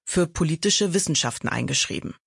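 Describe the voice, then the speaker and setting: A woman hosting a podcast, narrating a documentary story in a calm, measured way. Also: deep voice, vocal fry, slightly rough, dry recording, clean studio sound.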